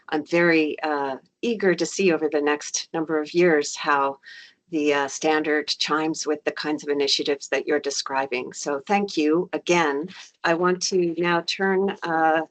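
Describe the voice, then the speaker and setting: A woman moderating an online conference in a formal, conversational way. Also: sits low.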